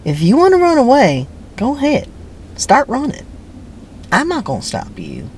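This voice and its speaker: Voicing a forty-something prison camp boss, stern and menacing, a man taunts with long, swooping commands during a dramatic script reading over background noise. He pushes his voice up very high and exaggerates it, the pitch swooping wildly and the tone darkish.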